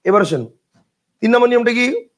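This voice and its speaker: A man's voice: extremely high pitch, sing-song, fairly quick. A man with a colloquial Bangladeshi Bengali accent teaching a grammar class online, repeating rules and checking that students understand. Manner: chatty, repetitive drilling, checks if students understand; reads out student questions from chat. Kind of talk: online exam-prep class.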